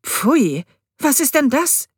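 A woman's voice: sits low, normal speed, dry recording, studio quality. A woman doing a scolding stepmother. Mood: disgusted. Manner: sharp, scolding. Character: cold, disgusted stepmother.

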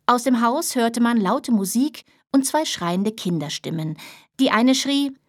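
A woman reading a children's book aloud in a lively, expressive storytelling manner. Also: fairly high pitch, a little slow, no room sound, studio quality. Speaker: narrator.

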